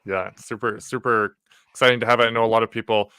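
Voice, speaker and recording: A man's voice: fairly low pitch, steady tone, quick pace, sharp tone, clean tone, no room sound, clean studio sound. A man hosting a casual conversational interview in an informal, friendly way. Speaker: podcast host.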